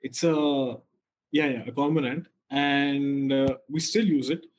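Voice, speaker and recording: A man's voice: mid-range voice, fairly even intonation, a little slow, a little hiss or hum. A man with a North Indian accent talking casually as an interview guest, telling things in a reflective, hesitant way. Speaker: guest, coffee roaster.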